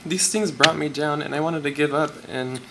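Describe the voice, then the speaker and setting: Gravelly teen boy, nervous and tearful. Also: fairly high pitch, steady tone, moderate pace. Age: teens. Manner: nervous, reading from notes. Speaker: student award recipient. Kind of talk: prepared acceptance speech. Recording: noisy live event recording.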